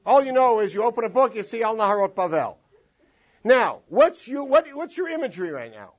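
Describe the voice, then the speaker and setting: Guy teaching a class, high voice that jumps all over, kinda muffled recording. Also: fairly quick, slightly rough. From Los Angeles. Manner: animated, sings out phrases in long drawn tones. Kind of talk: classroom text study lecture.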